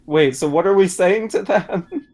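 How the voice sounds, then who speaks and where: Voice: medium pitch, unhurried, darkish tone. A tabletop game player chatting casually, swearing freely.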